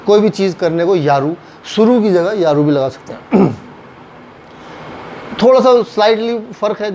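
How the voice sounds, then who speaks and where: A man with a Pakistani Urdu accent teaches in a fairly high voice. He is patient, repeats words and acts out sample lines. A faint hum sits under the recording. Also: a little mellow, dull audio. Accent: Urdu-speaking Pakistani. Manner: patient, repeats phrases, acts out example sentences. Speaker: Japanese language teacher. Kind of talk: classroom lesson explaining grammar.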